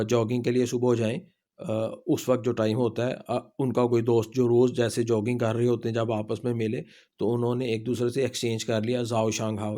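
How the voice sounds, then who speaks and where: A man's voice: medium pitch, darkish tone. A man with a Pakistani Urdu accent, teaching a casual spoken lesson and patiently repeating each word for practice. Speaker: language teacher.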